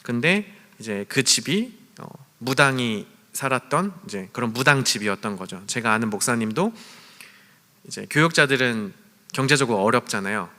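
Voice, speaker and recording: Bright-voiced man preaching in a hall. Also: mid-range voice, expressive, moderate pace. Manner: storytelling, acts out quoted lines with shouts and whispers. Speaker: youth group pastor. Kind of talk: sermon. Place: church hall. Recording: long church hall reverb.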